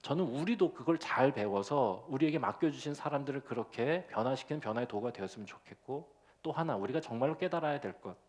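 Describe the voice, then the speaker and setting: A man's voice: mid-range voice, lively intonation, fast talker. A male pastor delivering a sermon in a playful, personal way, laughing at his own jokes and speaking straight to the congregation.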